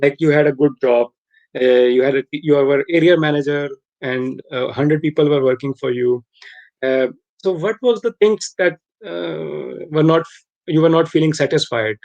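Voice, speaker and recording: A male host leads a casual live interview in a slightly higher voice. He sounds earnest and often repeats and rephrases his questions as he talks. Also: normal speed, vocal fry, a little mellow, lo-fi sound.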